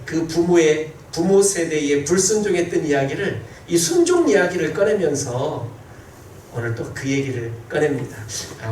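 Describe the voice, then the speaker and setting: A male pastor delivers a sermon in a relaxed, talky way, filling his pauses with small hesitation sounds and sometimes starting a phrase over. He pushes his pitch up high to stress key points. His voice rings through a reverberant sanctuary and is picked up by a microphone some distance away. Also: slight background noise. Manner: conversational preaching with many filler sounds and restarts; pitch rises sharply for emphasis. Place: church sanctuary. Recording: roomy church sound from a distant mic.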